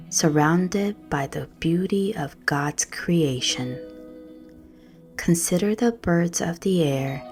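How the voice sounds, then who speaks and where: Music plays under a woman's low, quiet voice as she guides a meditation through a scripted prayer. Her manner is soothing and gentle, and her phrases are evenly measured and hushed.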